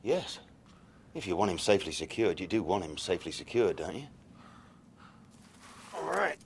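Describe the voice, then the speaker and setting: A man speaking in a brisk, commanding way to a group. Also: low-pitched, very animated, creaky, a little hiss or hum, exaggerated voice.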